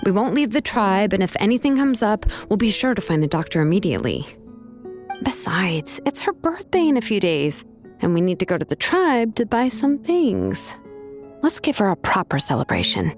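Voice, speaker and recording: Confident, animated young craftswoman, acted by a woman. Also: medium pitch, normal speed, natural voice. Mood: reassuring. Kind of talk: video game voice acting. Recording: faint music behind the voice.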